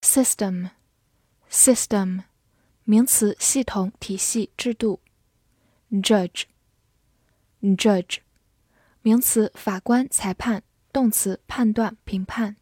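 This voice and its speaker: A woman teaching English vocabulary to Chinese learners. She says each word twice, slowly, then gives its meanings. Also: mid-range voice, dark tone, breathy edge, no echo, studio quality. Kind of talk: scripted vocabulary lesson.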